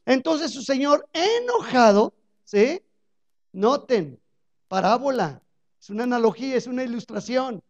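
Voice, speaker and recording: A woman's voice: on the high side, big pitch swings, a little slow, a little mellow. A woman teaching a parable in a radio sermon, preaching conversationally and often checking in with her listeners. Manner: conversational preaching with frequent rhetorical check-ins. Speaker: Bible teacher on a radio program. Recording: dull lo-fi radio recording.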